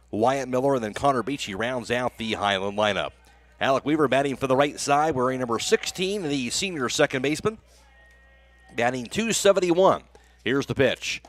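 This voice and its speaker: An American man, a radio announcer, calls live baseball play-by-play in a broadcast style. His medium-pitched voice is close-miked, with no room sound.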